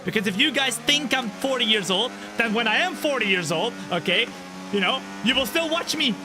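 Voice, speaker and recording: Speaking at a normal speed over music, a very high-pitched, expressive man of twenty-five narrates his live racing-game stream. He banters with his audience and pokes fun at himself as the race unfolds, with game engine sounds of racing cars filling the background.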